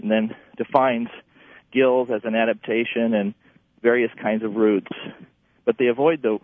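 A man calling in from his car over a clipped phone line, asking a long question with a few halting restarts. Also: medium pitch, dry recording. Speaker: caller. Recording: tinny dry phone line.

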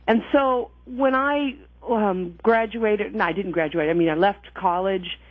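Speaking over a phone line, a woman guest shares the story of her faith journey in conversation, earnest and reflective. She thinks aloud and corrects herself as she goes, her voice sitting on the lower side with no room sound.

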